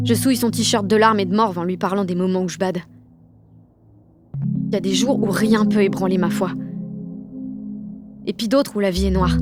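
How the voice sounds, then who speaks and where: In a mid-range voice close to her everyday one, a woman narrates first-person audio fiction as a moody, rebellious sixteen-year-old. The delivery is melancholy, blunt and full of sarcastic teenage slang.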